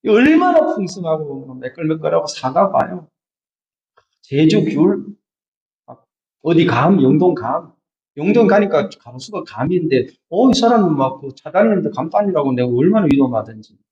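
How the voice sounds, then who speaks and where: A male pastor delivering a sermon with a lively, swinging pitch, who keeps asking his listeners rhetorical questions. He sounds far from the mic in a reverberant church hall, and the sound is dull. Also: moderate pace. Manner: colloquial, asks the congregation constant rhetorical questions. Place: church sanctuary.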